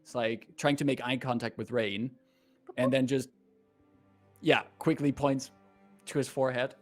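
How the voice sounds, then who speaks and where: Guy running a dnd game, improvising the story bit by bit, soft music under him. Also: mid-range voice, steady tone, unhurried. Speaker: game master. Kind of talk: narrating a tabletop role-playing game.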